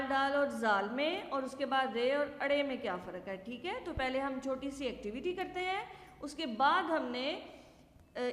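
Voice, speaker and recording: Female teacher, high voice, patient children's lesson; roomy, reverberant recording. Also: fairly bright tone. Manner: slow, patient, asks and answers own questions. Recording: echoey room with long reverb.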